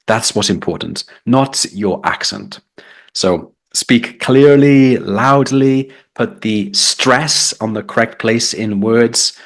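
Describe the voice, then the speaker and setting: Brief: British male tutor, low-pitched, upbeat live-lesson explainer. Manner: explaining, reading chat comments aloud. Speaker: English test tutor.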